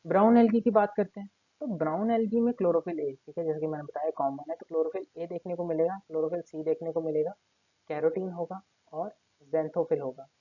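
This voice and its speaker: Brisk and steady in tone, the fairly high-pitched male teacher explains his recorded class lecture step by step from his seat at the table. He checks in with students after almost every point, and the dry recording comes across as tinny, phone-like, and lo-fi.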